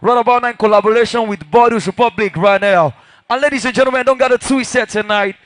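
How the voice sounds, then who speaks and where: A man's voice: very high voice, quick pace, no echo. A man with a Nigerian accent working as a hype man, calling out to a crowd on a microphone in a hyped, chanted promo style at a live lounge event. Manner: hyped, shouted promo delivery with short chanted call-outs.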